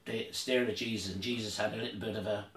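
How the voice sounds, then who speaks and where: A man telling a mock-serious tall tale in a comedy sketch, earnest and deadpan. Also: on the low side, fast, roomy sound, far from the mic. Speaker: comedic tour guide playing a priest.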